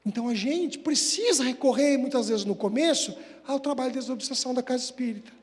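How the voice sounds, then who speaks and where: A man with an unusually high voice gives a religious talk at a Spiritist center, mixing personal storytelling with direct questions to his listeners. His delivery is emotional and conversational. Long reverb from the hall trails his words. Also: fairly quick. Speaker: Spiritist lecturer.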